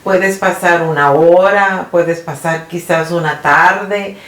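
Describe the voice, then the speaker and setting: Woman co-host, lowish voice, casual faith chat, checks in with "¿verdad?", echoey room. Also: steady tone, takes it slowly, fairly bright tone. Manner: often tags phrases with a questioning "¿verdad?". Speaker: podcast co-host.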